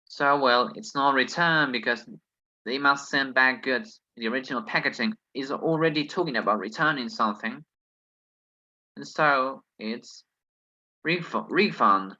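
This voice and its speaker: Working through exercises in an online lesson, this non-native English-speaking man reasons hesitantly out loud, full of fillers and "well"s. He speaks unhurriedly in a mid-range voice that sounds pushed and bright, though the audio itself is dull.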